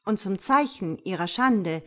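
A woman's voice: medium pitch, sing-song, measured pace. A woman reading a storybook aloud and voicing a stately, commanding female God.

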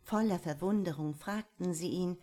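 A woman reading a fairy tale aloud in a calm storytelling manner. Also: on the low side, moderate pace.

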